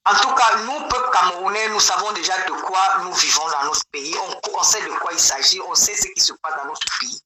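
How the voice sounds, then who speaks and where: A woman's voice: on the low side, a little fast, few pauses. Woman caller, speakerphone, rallying speech, emphatic, echoey room, crowd behind. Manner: emphatic, rousing, addresses the audience directly. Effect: heard over a speakerphone. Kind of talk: political rallying address. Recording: roomy speakerphone call with crowd noise.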